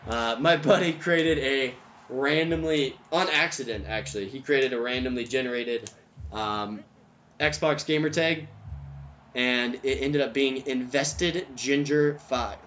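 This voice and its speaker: A man's voice: medium pitch, measured pace, fairly bright tone, muffled recording, slight background noise. A man giving casual, rambling commentary over a video game, full of ums and side tangents, recorded at home. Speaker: gameplay commentator. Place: at home, neighbor's music nearby.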